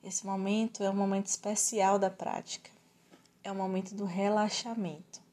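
A woman with a Brazilian accent teaching yoga and relaxation in a calm, soothing, measured way with gentle pauses. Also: mid-range voice. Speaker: yoga instructor. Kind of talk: guided yoga and relaxation instruction.

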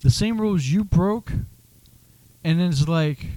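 Blunt teasing guy on a podcast, cusses a lot, mellow voice, dry sound. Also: fairly high pitch, a little slow, no room sound. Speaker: podcast co-host. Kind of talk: casual chat.

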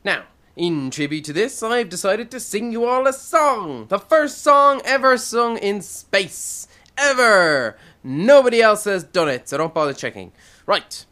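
A woman's voice: mid-range voice, expressive, a little slow, a bit bright. A woman playing a vain, boastful male commander of a space station in an audio comedy. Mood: grandiose. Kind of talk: comic radio-play acting.

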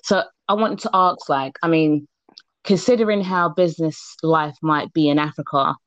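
A woman's voice: sits low, normal speed, dry recording, dull audio. A woman hosting a casual podcast interview, chatty and upbeat with slangy phrasing. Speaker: podcast host.

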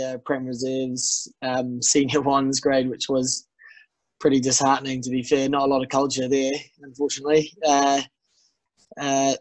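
A man's voice: medium pitch, no echo, low-quality recording. A young New man, a guest on a rugby podcast, chatting in an easygoing, rambling way with lots of fillers. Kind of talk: casual podcast chat.

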